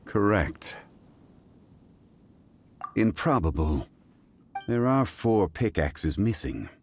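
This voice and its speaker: Composed gentleman sleuth for a game: low-pitched, formal, analytical, measured. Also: sing-song, a little hiss or hum, heavily acted. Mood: calm, analytical. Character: composed, scholarly gentleman investigator with measured temper. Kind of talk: video game character dialogue.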